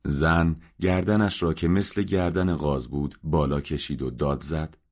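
A man reading a story aloud in a measured, subdued narration. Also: extremely low pitch, steady tone, darkish tone. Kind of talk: scripted audiobook narration.

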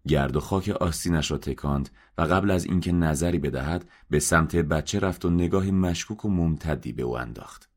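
Very deep-voiced male narrator. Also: hardly any pauses, darkish tone. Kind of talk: scripted audiobook narration.

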